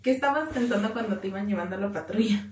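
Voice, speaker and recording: A woman's voice: medium pitch, quick pace, slight background noise. Woman host asking questions, lots of short ujús, roomy far-off sound. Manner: asks questions, short backchannel replies. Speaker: podcast host. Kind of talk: casual interview chat. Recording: roomy sound, voice a little off mic.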